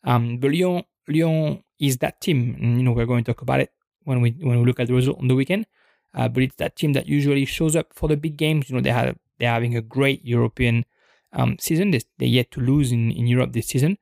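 Talking football off the cuff, this young man is thoughtful but halting, full of ums and restarts as he works through his ideas. A gravelly, creaky texture colors his middle-pitched, darkish voice. The recording is dry and close-miked, with no room sound.

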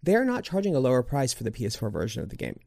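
Talking very fast with huge pitch swings, this male podcast co-host rambles through casual chat full of fillers and restarts. His medium-pitched voice is creaky and darkish, in a dry, studio-quality recording.

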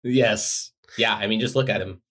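Male podcast co-host, low voice, playful teasing banter. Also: steady tone, normal speed, fairly bright tone. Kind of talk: casual chat.

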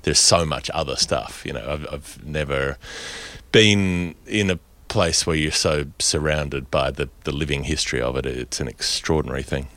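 A man's voice: very deep voice, normal speed, a bit bright, dry recording. A man with an Australian accent hosting a conversational podcast, talking in a wry, discursive way. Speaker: podcast host. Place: remote voice call from a rooftop.

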